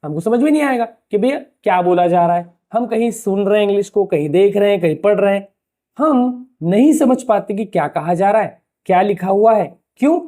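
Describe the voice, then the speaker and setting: A man teaching a lesson in a relaxed, chatty tutor's way, with a mellow, darkish voice. He keeps firing rhetorical questions and calls his listeners "brother" in a familiar tone. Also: sits high, normal speed. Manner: talks to the viewer like a familiar tutor. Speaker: English teacher. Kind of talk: casual explanatory lesson to camera.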